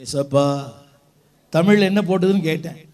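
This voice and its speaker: A man with a Tamil accent preaches to a congregation in a church hall, calling out words for them to repeat. His voice sits high for a man. He often slips English phrases into his preaching. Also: normal speed, darkish tone. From South India. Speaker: pastor. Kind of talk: call-and-response sermon.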